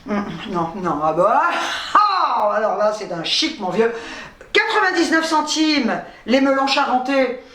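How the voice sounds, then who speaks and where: A woman's voice: a little high, very animated, a little slow, a bit bright, far from the mic. Chatty blunt woman in a roomy space. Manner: chatty, blunt, swears casually. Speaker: vlogger. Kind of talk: casual haul vlog. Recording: roomy, from off-mic.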